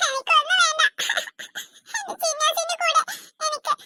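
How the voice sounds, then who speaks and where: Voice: very high voice, steady tone, normal speed, sharp tone, full character voice. A performer voicing a homesick little cartoon girl who whines and pleads to go home. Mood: whiny. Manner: whiny and pleading.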